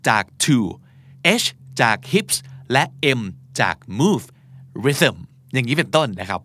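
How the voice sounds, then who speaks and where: A man's voice: mid-range voice, big pitch swings, slow pace, fairly bright tone, husky. A man hosting a casual spoken lesson. He talks politely and spells words out letter by letter as he explains them patiently. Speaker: host teaching English spelling.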